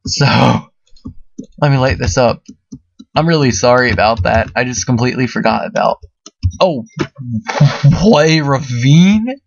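A man's voice: mid-range voice, fairly even intonation, normal speed, vocal fry, long pauses, no echo, muffled recording. A man giving casual, rambling let's-play commentary as a gaming video host, full of fillers.

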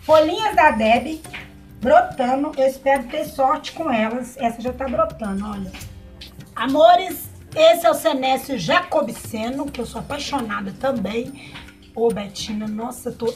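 A Brazilian woman with a high, bright-sounding voice chats casually while unboxing plants, gushing and exclaiming over each one. Soft music plays faintly underneath her. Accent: Brazilian Portuguese. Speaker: plant vlogger.

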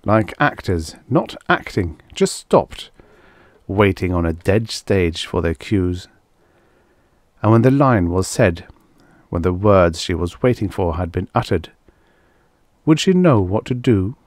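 In a low voice with no room sound, a man narrates a literary sci-fi audiobook, his delivery measured and expressive with deliberate phrasing.

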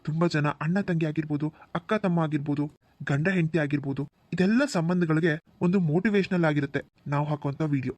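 Channel creator outro: a man with a slightly high voice, friendly and pleading. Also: brisk, a little mellow, dry recording. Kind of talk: casual appeal to viewers.

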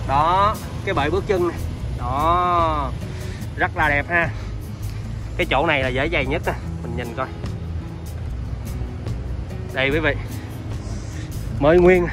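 Southern vietnamese guy doing slick used car salesman walkaround, kinda high voice, music behind him. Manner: slick salesman patter, repeating and pointing things out. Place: outdoors in a car yard.

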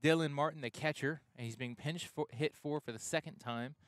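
A young man calling a college baseball game play-by-play, chatty and loose, getting excited on big plays, with the hiccups. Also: on the high side, fairly quick, no room sound. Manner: conversational, excited on big plays, self-correcting. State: has the hiccups. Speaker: play-by-play announcer.

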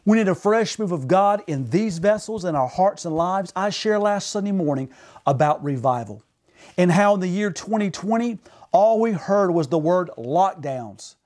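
A pastor in his forties preaches into a close camera from a small home office. His voice sits high for a man, and he drives the sermon with fervent emphasis and repeated calls for an amen. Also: lively intonation, moderate pace, darkish tone. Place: home office with purple lighting.

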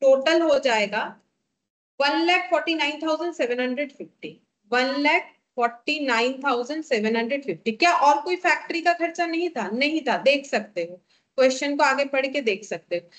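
High-voiced Indian woman teaching a lesson. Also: expressive, fairly bright tone. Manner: slow, repetitive dictation of figures, asking and answering her own questions. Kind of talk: step-by-step classroom lesson.

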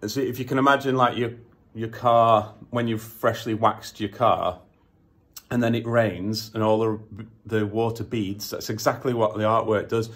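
A man's voice: lowish voice, steady tone, a bit bright. Emotional man, phone selfie. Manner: emotional, gushing, halting restarts. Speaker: kayak builder. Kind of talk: casual selfie vlog. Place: indoor workshop. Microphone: phone at arm's length.

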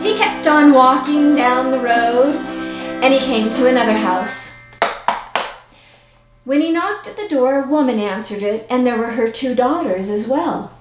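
A woman telling a folktale in an animated, expressive way, now and then slipping into song. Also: high-pitched, unhurried, music in the background. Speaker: storyteller. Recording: roomy with faint autoharp.

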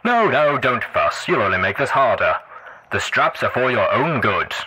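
A man's voice: medium pitch, big pitch swings, normal speed, pushed and bright, a little hiss or hum, pitched above the performer's own voice. A man voicing a cheerful, oblivious robotic hospital attendant with a tinny, chipper sound and fussy, polite bedside chatter. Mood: cheery. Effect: tinny speaker sound.

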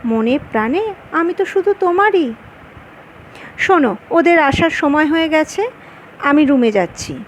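A woman's voice: high voice, lively intonation, unhurried, long pauses, slight background noise, poor audio. A woman reading the lines of a grown woman in love, wistful and playfully stubborn, in her own voice.

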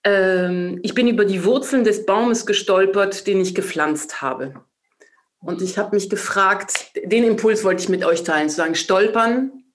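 A woman's voice: mid-range voice, unhurried. Reflective woman musing aloud. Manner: reflective, asks herself questions aloud. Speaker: panel participant, artist. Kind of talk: casual discussion at a dinner table.

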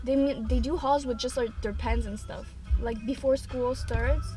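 Young woman vlogger, high voice, bubbly and giggly, chatting in a car over background music. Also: steady tone, moderate pace, warm tone. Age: young adult. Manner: bubbly, giggly, many fillers. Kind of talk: casual chat. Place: parked car. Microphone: camera on dashboard.

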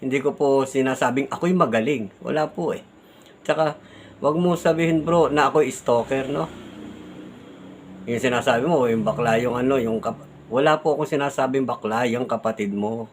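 A man's voice: mid-range voice, normal speed, slight background noise. Man, vlogger, casual defensive talk to viewers, repetitive, polite tag questions. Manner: defensive, repeats himself, tags lines with "no?" and "di ba?"; polite, uses the respectful "po" often.

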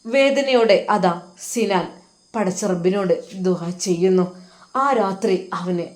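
A woman with a Malabar Malayalam accent narrating a sad story in an earnest, dramatic way. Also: mid-range voice. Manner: earnest, dramatic, dwells on pauses. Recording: roomy echo.

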